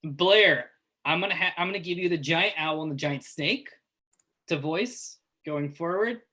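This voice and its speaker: A man's voice: fairly high pitch, a little slow, pushed and bright. A man running a tabletop role-playing game on a live stream as game master, chatting casually and organizing the players.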